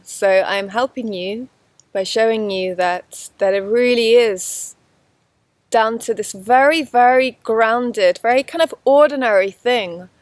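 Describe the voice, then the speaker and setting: A woman giving a spiritual course lesson outdoors in a forest, talking earnestly to the camera in a flowing way with frequent restarts. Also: medium pitch. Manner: earnest, flowing, with many restarts and soft laughs. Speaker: spiritual teacher. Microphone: camera facing the speaker.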